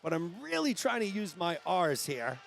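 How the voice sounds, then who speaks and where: High-voiced New England swim commentator. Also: male voice, sing-song, creaky. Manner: brisk play-by-play, rising to shouts at finishes. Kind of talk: live sports commentary.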